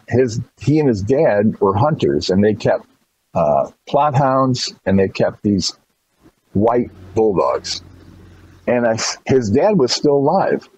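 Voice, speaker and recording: A middle-aged man with a dark, husky voice tells a long, rambling story and slips into other voices when he quotes people. The recording is close and dry. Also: on the low side, no echo, poor audio. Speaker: dog breeder being interviewed.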